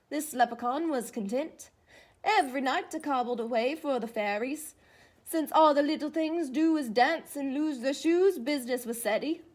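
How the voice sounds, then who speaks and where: In a high voice, a woman reads the part of a feisty, proud little old leprechaun cobbler from a storybook, using boastful, folksy phrasing.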